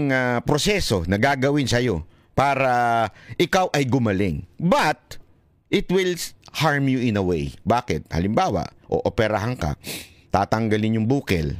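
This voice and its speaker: A man with a Filipino accent giving casual political commentary, animated and laughing often. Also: mid-range voice, no room sound. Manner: animated, laughing often, switching between Tagalog and English.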